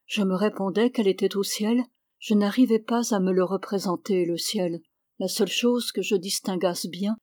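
A woman's voice: mid-range voice, darkish tone, dry recording. Woman reading a novel aloud, dry. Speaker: audiobook reader. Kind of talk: literary audiobook narration.

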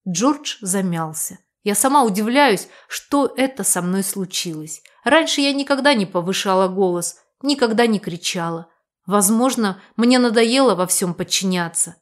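A woman narrating a first-person novel as an audiobook, in an expressive, emotional reading. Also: medium pitch, moderate pace.

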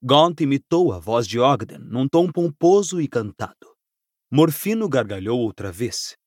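A man narrating an audiobook with expressive, dramatic storytelling. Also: mid-range voice, unhurried, no echo, studio quality.

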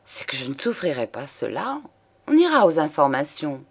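A woman's voice: deep voice, sing-song, moderate pace, husky, full character voice. Juliette, a wilful young mistress, voiced by a woman. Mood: scornful. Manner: coaxing, then sharp and threatening.

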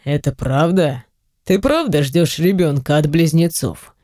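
A reader voicing a stern, quick-tempered wealthy father who speaks slowly and low. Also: darkish tone, dry recording, studio quality, close to an everyday voice. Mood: measured. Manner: slow, low, weighty delivery.

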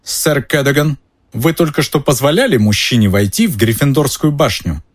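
A man voicing a strict, indignant elderly female professor in a storybook reading, with a sharp, scolding manner. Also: medium pitch, normal speed, voice pushed up, lightly acted. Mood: shaken.

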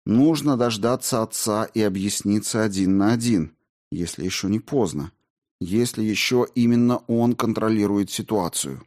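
Low-voiced male audiobook narrator. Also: moderate pace, darkish tone. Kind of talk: scripted narration.

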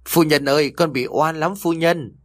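A man's voice: a little high, steady tone, moderate pace, no echo, clean studio sound, voice pushed up, natural voice. A man voicing a terrified young servant girl who begs for mercy. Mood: begging. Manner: frightened, begging.

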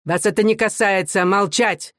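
A reader doing a contemptuous gendarme officer for a storybook recording, barking cold, mocking orders. The voice sits higher and louder than the narration. The sound is dry and close, with no room echo. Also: normal speed, natural voice. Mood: sneering commands.

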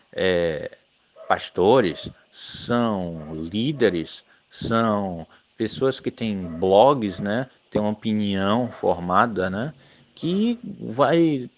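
A man from Brazil in a casual podcast discussion, talking emphatically with many fillers. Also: lowish voice. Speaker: podcast host.

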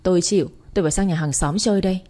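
A woman's voice: on the low side, rapid-fire, warm tone, close to an everyday voice. A woman voicing a stern middle-aged mother who scolds and commands. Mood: scolding.

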